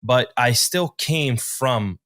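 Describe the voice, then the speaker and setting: A man from Puerto Rico, a native Spanish speaker, co-hosting a podcast with measured, thoughtful talk. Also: mid-range voice, a bit bright, dry recording, studio quality. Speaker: podcast producer and co-host. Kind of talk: casual podcast chat.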